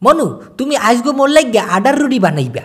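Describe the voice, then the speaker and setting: A man's voice: very high-pitched, big pitch swings, brisk, a bit bright, pitched above the performer's own voice, exaggerated voice. A man putting on a village man from Barisal, talking in homely rustic dialect with a Barisal accent.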